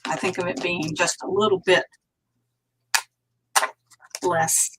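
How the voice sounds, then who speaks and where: A woman's voice: lowish voice, fairly even intonation, takes it slowly, noisy background. A woman hosting a live craft tutorial, chatting and thinking aloud as she stamps, now and then dropping to a near whisper while her hands are busy. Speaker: stamping demonstrator.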